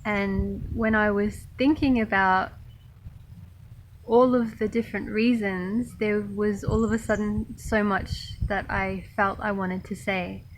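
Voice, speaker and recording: A woman raised in Australia, talking thoughtfully to camera about her spiritual path, pausing often with fillers. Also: mid-range voice, steady tone, slight background noise, rough recording. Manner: slow, thoughtful, many pauses and fillers. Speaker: spiritual monastic vlogger. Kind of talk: reflective personal talk to camera.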